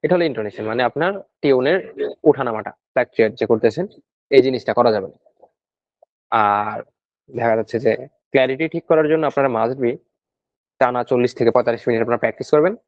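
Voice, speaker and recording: A man coaching students for a speaking exam talks through each step in a relaxed classroom manner, going back over his main points. His voice sits at an ordinary middle pitch. The recording is dry and close, with a dull, lo-fi tone. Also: fast talker, pauses often, no echo. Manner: explains step by step, repeats points, mixes in English terms. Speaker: PTE exam tutor. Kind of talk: casual spoken lesson.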